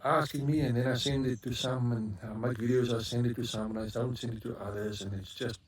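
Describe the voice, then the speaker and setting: A South African vlogger rambles casually in a home vlog from a rural homestead, saying um a lot and often stopping to correct himself. His mid-range voice is steady and fairly quick, with a crowd audible in the background.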